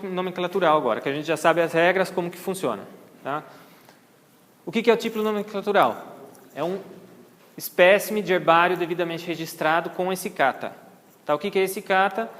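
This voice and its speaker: A man's voice: high-pitched, fairly bright tone, in a large hall. A man with a Brazilian Portuguese accent giving a lecture at an orchid society meeting, explaining patiently and checking in with his audience. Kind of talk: lecture on botanical name pronunciation. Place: botanical garden meeting room.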